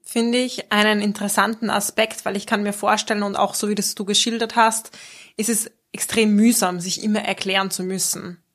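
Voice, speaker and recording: A woman hosting a book discussion, asking measured questions in an even tone. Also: mid-range voice. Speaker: host.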